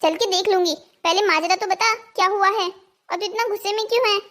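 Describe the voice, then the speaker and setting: A woman's voice: very high-pitched, fairly quick, a bit bright. A woman voicing a fussy, worried old grandmother in a cartoon story, scolding and alarmed. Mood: coaxing. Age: older.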